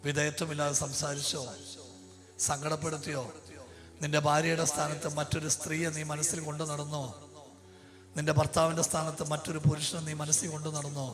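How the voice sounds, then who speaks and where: A man's voice: fairly high pitch, completely flat delivery, fairly quick. A man leading a congregation in emotional prayer, fervently calling out repeated commands and questions. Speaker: prayer leader. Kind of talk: emotional prayer-service preaching. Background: music.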